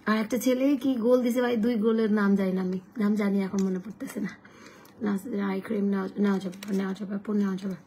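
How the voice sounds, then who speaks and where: Hoarse woman chatting live. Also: steady tone, brisk, mellow, slight background noise. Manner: chatty, addresses viewers directly, switches to sales pitch. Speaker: online shop seller on live stream. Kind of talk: casual live-stream chat with viewers.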